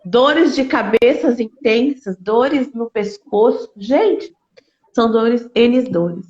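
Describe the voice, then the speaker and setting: A woman speaks in a somewhat high voice. She talks earnestly and with feeling, and she often repeats phrases for emphasis. The sound is roomy and a little dull. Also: slow, darkish tone. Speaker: speaker sharing a personal grief story. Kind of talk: heartfelt conversational talk.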